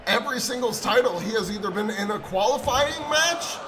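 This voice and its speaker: A man doing excited wrestling commentary who erupts into shouts at big moves. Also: sits high, brisk, rough recording. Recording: over loud crowd and music. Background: crowd noise and music.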